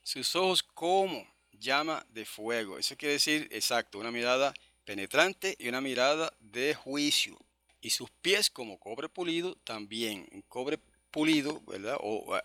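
A man teaching a verse-by-verse Bible study to an online congregation, patiently explaining and slowly sounding out Hebrew words. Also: medium pitch, sharp tone, no echo. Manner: explains patiently, checks in with "¿verdad?"; spells out Hebrew words slowly, stressing syllables.

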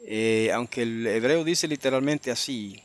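A man teaching through a Bible passage verse by verse, slow and explanatory, often checking in with tag questions. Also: mid-range voice.

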